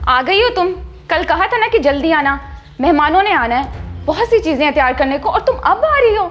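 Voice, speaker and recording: A woman's voice: very high-pitched, very animated, normal speed, full character voice. An actress playing a harsh, suspicious rich woman who bosses and accuses her maid in a scolding way. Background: soft background music.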